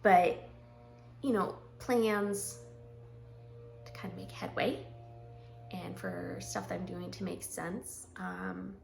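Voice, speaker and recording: A woman in her forties chatting casually to camera about her stitching, rambling with frequent ums and throat clearing. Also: on the low side, steady tone, slow pace, pauses often, a little mellow, soft background music. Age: 40s. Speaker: stitching vlogger.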